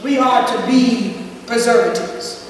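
Woman pastor preaching slow, high voice, lots of "amen?", far off in a big echoey church. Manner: slow, emphatic preaching with call-and-response "Amen?". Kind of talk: sermon. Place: church sanctuary. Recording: echoey church sanctuary from far off with faint hum.

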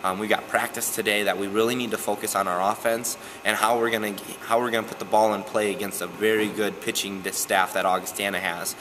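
Low-voiced young man coaching, earnest. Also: brisk, hardly any pauses, background noise. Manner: earnest, steady, frequent "um" fillers. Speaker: softball coach. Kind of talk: postgame interview. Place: gym, indoors.

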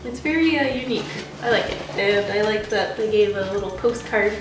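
Speaking briskly in a mid-range voice, a young woman with a stuffy head cold chats while unboxing dog gifts and addressing her dogs from a couch in a small bedroom. She sits far from the camera mic, so the sound is roomy and off-mic, with background music.

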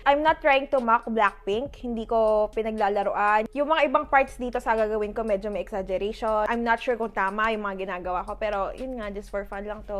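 A young woman with a Filipino accent, chatting playfully and poking fun at herself in a casual vlog. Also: mid-range voice. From Philippines. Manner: chatty, playful, self-deprecating. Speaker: YouTuber. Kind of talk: casual vlog talk, Taglish.

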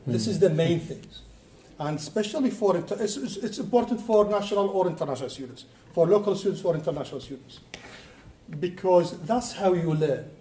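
A man's voice: a little high, dark tone. A man speaking on a university panel, earnest and hesitant, with fillers and restarts. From Iraq. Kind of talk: panel discussion answers. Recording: echoey room, faint background noise.

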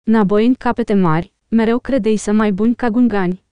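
A woman voicing a clumsy, excitable male Gungan creature who talks in broken, childlike grammar in an audiobook reading. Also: medium pitch, clear, resonant tone, dry recording, muffled recording, lightly acted. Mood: scornful.

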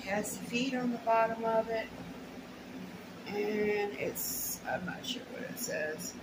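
This is a noisy, echoey home recording of a middle-aged woman showing her shopping to camera. Her fairly high voice moves at a slow pace as she chats plainly and rambles in short bursts from a small, plain indoor room.

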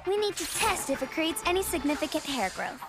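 A woman's voice: high-pitched, expressive, fairly quick, loud music behind the voice. A woman voicing a brainy, smug teenage girl scientist in a cartoon, with a precise know-it-all manner. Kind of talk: cartoon acting.

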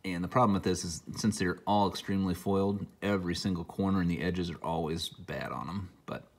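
A man's voice: low-pitched, fairly even intonation, fairly quick, vocal fry. A middle-aged man who is a little under the weather, giving casual, rambling commentary with dry asides as he hosts an unboxing. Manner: rambling, dry asides while naming cards. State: under the weather, mildly sick. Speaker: host opening hockey card packs. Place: indoor room at a table, hobby display behind.

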